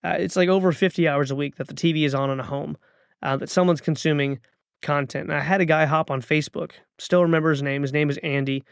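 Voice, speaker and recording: A man's voice: a little high, steady tone, fast talker, creaky, clean tone, dry recording, studio quality. A man in his thirties hosting a podcast, delivering an earnest motivational monologue with urging, repeated calls to action. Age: 30s. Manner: earnest, urging, repetitive exhortations. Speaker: podcast host.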